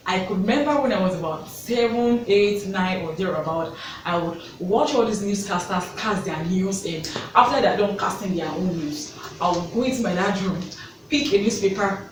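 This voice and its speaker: Nigerian woman, thirties, casual vlogger, lower voice, recorded with a distant mic in a noisy room. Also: normal speed, very echoey. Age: 30s. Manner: chatty, repeats words for emphasis, often says "guys". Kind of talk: casual get-to-know-me vlog.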